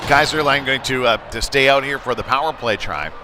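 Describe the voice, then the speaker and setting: Over clear background noise from the arena, a man with an ordinary male pitch gives live hockey commentary. He talks fairly quickly in a conversational way, rising into excitement as the play builds.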